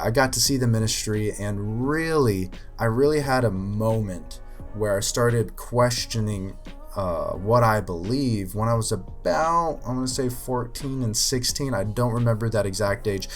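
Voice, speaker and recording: An earnest young youth minister from Ukraine explains faith in a scripted apologetics talk, speaking at a moderate pace in a lowish voice. His delivery is explanatory and packed with fillers, with faint music in the background.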